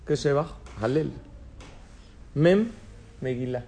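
A man's voice: medium pitch, lively intonation, slow pace, mellow. A man teaching a casual religious class, asking students questions and joking with them. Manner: conversational, asks students questions and jokes. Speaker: Torah teacher.

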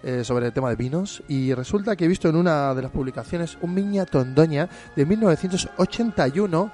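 A man's voice: on the high side, fairly quick, faint music behind. Playful, teasing man in his thirties. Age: 30s. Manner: playful, teasing, excitable interviewer. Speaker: podcast host. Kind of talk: casual podcast chat.

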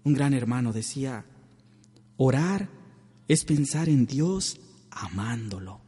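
A man delivers a devotional sermon in an unhurried, deliberate way, speaking straight to whoever is listening. His voice carries a husky edge, and a long reverb trails each phrase. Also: medium pitch, animated, dark tone. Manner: earnest, addresses the listener directly. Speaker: host of a prayer program.

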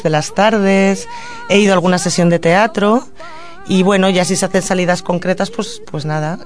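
A Madrid woman who works as a social educator and puppeteer answers questions as a radio studio guest. She speaks earnestly and reflectively in a lowish voice, pausing to collect her thoughts.

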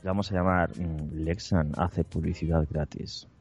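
A man's voice: deep voice, steady tone, normal speed, a little mellow, breathy edge, faint music behind. A man with a Spain Spanish accent, co-hosting a podcast with playful, rambling jokes. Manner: playful, jokey, rambling riffs. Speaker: podcast co-host. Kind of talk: casual comedic chat. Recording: dull, dry lo-fi sound.

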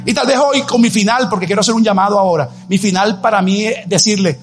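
A man's voice: high voice, quick pace. A male pastor preaching a sermon, emphatic, full of rhetorical questions and exclamations. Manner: married.

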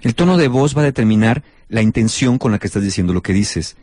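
A man, hosting a talk show and explaining relationship advice in an animated way. He keeps stepping into little acted-out scenes of what people say. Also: on the low side, fast. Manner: animated, acts out short quoted scenes. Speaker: host.

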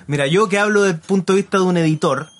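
A Chilean man with a Chilean Spanish accent, co-hosting a casual podcast chat as a slangy, animated storyteller. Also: high voice, quick pace. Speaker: podcast co-host.

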